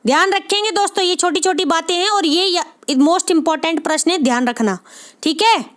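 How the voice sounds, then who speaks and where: A woman leads an exam-prep lesson, repeating each answer and checking in often with her viewers. Her voice sits very high and rings bright and forceful. She explains patiently, step by step. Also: normal speed. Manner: repeats answers, frequent "ठीक है" check-ins. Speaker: Hindi exam tutor.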